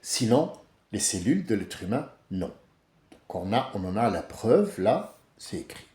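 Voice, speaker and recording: A man's voice: lowish voice, very animated, a little slow, a little mellow. Blunt rambling guy talking about religion, voice swings up and down, echoey room. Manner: rambling, blunt, with many restarts. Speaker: religious commentator. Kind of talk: casual monologue.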